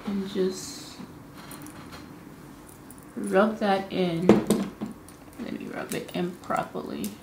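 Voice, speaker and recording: A woman's voice: medium pitch, steady tone, creaky, heavy background noise. A young woman beauty vlogger chatting casually to camera about products in her home studio. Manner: bubbly, chatty, fast asides. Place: home filming studio, indoors. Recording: roomy studio with faint ambience.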